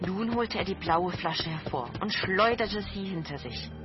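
A woman narrating a fairy tale in a calm, measured storytelling voice. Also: mid-range voice. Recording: dull lo-fi with faint music.

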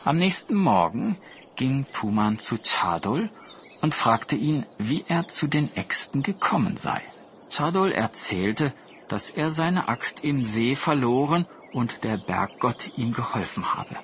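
A man reading a fairy tale aloud in a calm, storybook narration style. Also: medium pitch, slow, a little hiss or hum.

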